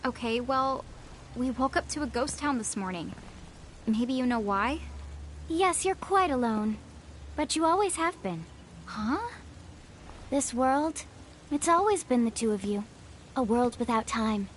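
A woman's voice: on the high side, animated, measured pace, pauses often, a little hiss or hum. A woman voicing a mysterious, playful woman in a video game who speaks in a teasing, cryptic way.

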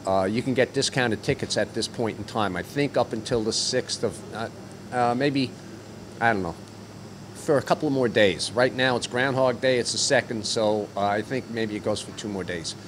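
A man's voice: medium pitch, normal speed, background noise. An older man hosting a fishing report on location, chatting casually with many fillers into a handheld mic. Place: outdoors at docks, then inside a deli.

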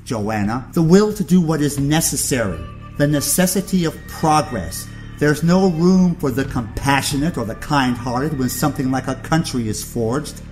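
In an audio drama, an actor voices a ruthless, contemptuous aristocratic uncle, delivering the lines theatrically and condescendingly. The male voice is a little high and a little mellow.

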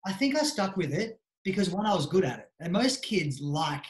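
A very animated, high-voiced Australian man in his thirties speaks at normal speed as a guest in an interview, chatting easily with many fillers. He's a judo coach, on a webcam video call from a small, echoey room at home.

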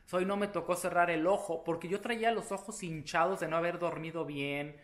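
Animated man vlogger in an echoey room. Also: sits high, a little fast. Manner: animated and playful, with sudden loud exclamations. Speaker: beauty vlogger. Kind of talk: casual chatty storytelling to camera.

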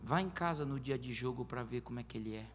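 A small, quiet church wife, as a pastor acts her out, speaks low and hushed, confiding. Her voice echoes in a long church reverb, with faint music underneath. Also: fast, close to an everyday voice.

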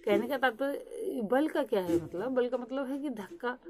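A woman teaching a lesson at a slow, deliberate pace, with frequent hesitant fillers. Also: on the high side, lively intonation, crowd noise. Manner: reads English definitions very slowly. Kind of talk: lecture.

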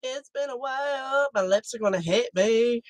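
Woman on a live stream, kinda high voice, grumbly and swears, stuffy from allergies, dry mic. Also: normal speed, no room sound, soft background music. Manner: self-deprecating, swears, muttering while playing. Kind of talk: casual live stream chat.

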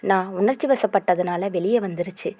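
A woman's voice: mid-range voice, normal speed, a little mellow, no echo, natural voice. A woman voicing a playful young village woman who talks in a cheeky, teasing way.

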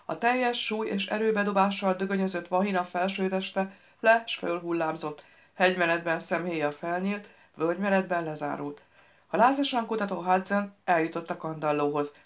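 A woman narrating an audiobook with a lively, expressive reading. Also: fairly low pitch, muffled recording. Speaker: audiobook reader.

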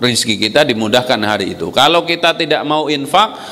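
Brief: male Islamic preacher, playful lecture, mid-pitched voice, big hall reverb. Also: lively intonation, a little fast, pushed and bright. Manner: humorous, leaps high for emphasis. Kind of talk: lively religious lecture.

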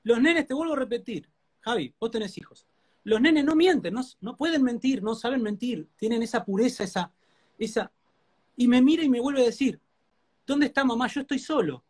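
A man's voice: very high-pitched, normal speed. A man with a Rioplatense Spanish accent shares a personal testimony during a live interview. He talks like a preacher, earnest and heartfelt. He repeats his words over and over for emphasis.

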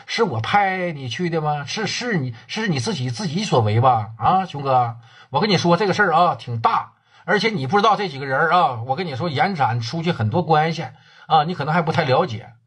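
A man's voice: fairly high pitch, animated, fairly quick, fairly bright tone, husky. A man voicing a slick, evasive man who pushes the blame away and repeats himself to drive the point home. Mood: insistent.

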